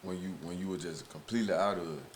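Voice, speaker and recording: A man's voice: low voice, steady tone, fast, slight background noise. A man chiming in on a casual podcast chat, prompting the guest to go on.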